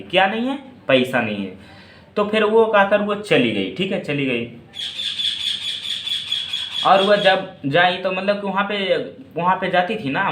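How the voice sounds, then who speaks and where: A male tutor walks students through a story in casual classroom style. He keeps posing quick questions and answering them himself. His slightly high voice rings in a roomy space. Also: fairly bright tone, a little hiss or hum.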